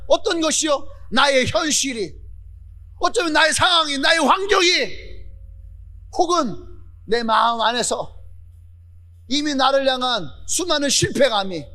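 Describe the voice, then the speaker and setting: Male pastor, sermon; fervent, repetitive delivery, lively pitch swings. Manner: fervent preaching with repeated phrases, building to shouts.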